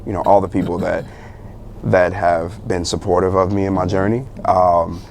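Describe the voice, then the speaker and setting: A young man, a guest on a talk show, telling his story in a loose, animated way, with many fillers and bursts of laughter. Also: low voice, moderate pace, vocal fry, a little hiss or hum. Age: young adult. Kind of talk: casual storytelling interview.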